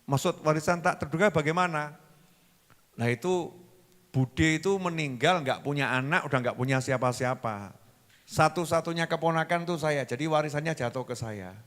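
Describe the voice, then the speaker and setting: A man's voice: on the high side, moderate pace, fairly bright tone. A man with a Javanese accent preaching a sermon, telling stories and acting out both sides of the dialogue in shifting voices. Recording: long hall reverb.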